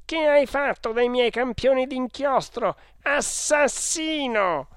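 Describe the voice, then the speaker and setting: A reader voicing an irritable middle-aged male salesman who bursts out in exasperated shouts in an audiobook. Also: mid-range voice, very animated, slow, clear, resonant tone, dry recording, clean studio sound, pitched above the performer's own voice. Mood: furious. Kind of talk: audiobook character voice.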